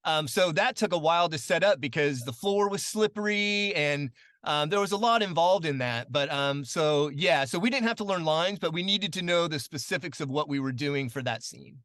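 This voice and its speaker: A chatty man in his late forties tells stories as a podcast guest, his voice bright and a little high for a man. He talks loosely with lots of ums, and his voice perks up whenever he quotes someone. The sound is dry and close. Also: moderate pace, no room sound. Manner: chatty, many fillers, animated when quoting. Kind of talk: casual storytelling interview.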